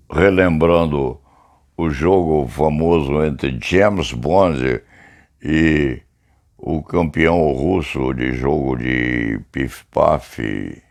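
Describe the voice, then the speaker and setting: Gravelly, slow older Brazilian man. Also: a bass voice, darkish tone. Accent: Brazilian Portuguese, São Paulo. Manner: speaks of himself in the third person, wry and digressive. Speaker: criminal lawyer commentator. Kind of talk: reflective storytelling monologue.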